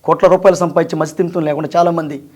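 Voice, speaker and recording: A man from Andhra Pradesh with a high-pitched voice, speaking as a guest in an interview. He talks earnestly and emphatically about his work as a mimicry artist and actor. His delivery is heartfelt and insistent. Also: fairly even intonation, a little mellow. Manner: earnest, emphatic, sings in a slow drawn-out voice. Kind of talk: interview conversation.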